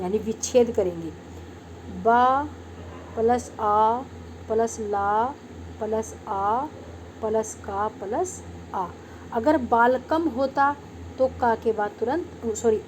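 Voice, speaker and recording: A woman's voice: fairly high pitch, dark tone, a little hiss or hum. Indian woman teacher spelling out syllables. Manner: patient, drawn-out syllable-by-syllable pronunciation; addresses pupils as "beta". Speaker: Sanskrit teacher. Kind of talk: online class lecture.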